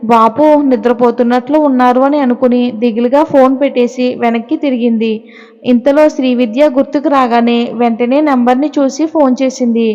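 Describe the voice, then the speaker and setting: A woman with a high voice narrates a story gently and with feeling. The recording is dull and lo-fi, with a long reverb trailing behind her. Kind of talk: scripted narration with voiced dialogue.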